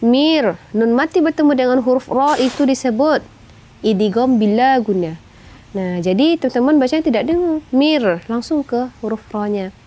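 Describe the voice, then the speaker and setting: A woman teaching Quran recitation rules, explaining slowly and singing verses in long melodic phrases. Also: high-pitched, mellow. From Indonesia. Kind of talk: tajwid lesson with sung recitation.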